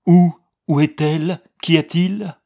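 A man's voice: on the low side, steady tone, measured pace, darkish tone, breathy edge. A man voicing a frightened, weary old husband in an audiobook reading, shaky and hesitant. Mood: alarmed.

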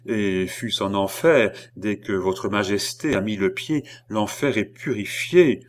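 A man's voice: fairly low pitch, slow. A man reading the part of a young courtier who speaks with fervent, flowery devotion.

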